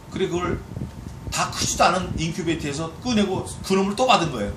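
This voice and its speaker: A male pastor giving an expository sermon, preaching with lively emphasis and acting out dialogue. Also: sits high, vocal fry, noisy background. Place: church sanctuary. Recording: echoey church hall, distant mic.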